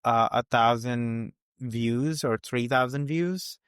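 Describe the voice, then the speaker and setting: Halting male podcast host, smooth voice. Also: mid-range voice, a bit bright, dry recording. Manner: halting, restarts, non-native phrasing. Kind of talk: interview questions.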